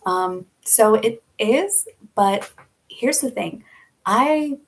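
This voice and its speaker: Speaking extremely slowly, a young woman with a high-leaning, expressive voice and a Philly accent fields viewer questions on a live stream. She's from Philadelphia, USA, keeps things casual, and laughs often.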